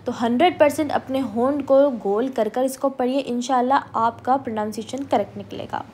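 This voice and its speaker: A woman teaching an online Quran recitation lesson. She explains pronunciation with English words mixed in, then drills syllables slowly and clearly. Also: high voice, a little mellow, a little hiss or hum. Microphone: video call or home recording.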